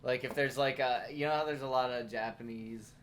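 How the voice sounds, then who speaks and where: A man's voice: medium pitch, fairly even intonation, brisk, a bit bright, slight background noise. A man co-hosting a comedy podcast, bantering in a goofy, playful way. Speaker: podcast co-host. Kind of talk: casual comedic chat.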